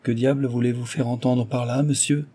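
A man's voice: medium pitch, level tone, brisk, mellow, natural voice. A man voicing a proud, insolent baronet who speaks with scorn in a storybook reading. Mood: scornful. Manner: scornful, haughty.

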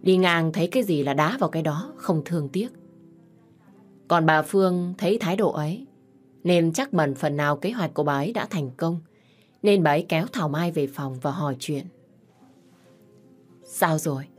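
A woman tells a first-person story in a calm, steady voice that sits a little low. Faint music plays under her narration. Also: brisk.

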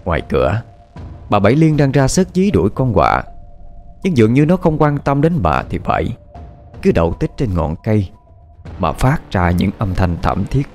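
A man with a Southern Vietnamese accent narrating a horror tale, expressive and dramatic. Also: fairly low pitch, normal speed, soft background music.

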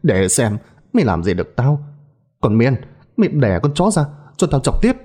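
A man's voice: medium pitch, sing-song, moderate pace, dark tone, breathy edge. A man voicing a cruel, greedy old woman who screeches and scolds her servant. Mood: gloating.

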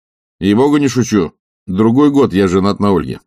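A man voicing a steady, practical friend with a calm, reassuring manner. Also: fairly low pitch, normal speed, no room sound, studio quality.

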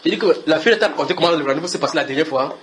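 A man preaching at a house church gathering, telling a story in an animated way and calling out to his listeners. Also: fairly high pitch, very fast, slight background noise. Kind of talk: sermon.

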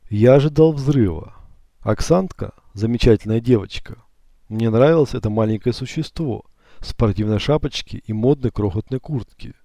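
A man narrating an audiobook in the first person, with a calm, measured reading. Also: fairly low pitch, dry recording.

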